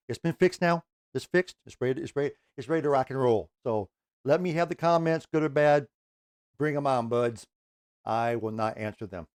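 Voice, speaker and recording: A man's voice: medium pitch, darkish tone, clear, resonant tone, no room sound, clean studio sound. A middle-aged man hosting a music reaction channel, chatting casually to camera in a rambling, self-correcting way and swearing now and then.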